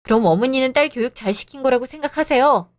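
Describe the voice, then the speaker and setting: A woman's voice: high voice, fast talker, lightly acted. A woman voicing a young married woman who talks back in cold, cutting retorts, in a scripted audio drama. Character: young married woman, sharp-tongued, defiant. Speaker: daughter-in-law.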